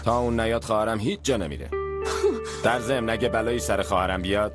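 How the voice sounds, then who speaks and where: A man's voice: on the low side, over music, close to an everyday voice. A man dubbing a protective young brother who speaks in a firm, warning tone. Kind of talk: dubbed TV drama acting.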